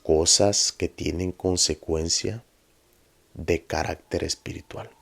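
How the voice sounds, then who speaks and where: Man voicing a troubled young man haunted by nightmares; low, slow, earnest, pleading. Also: fairly even intonation, creaky, heavily acted.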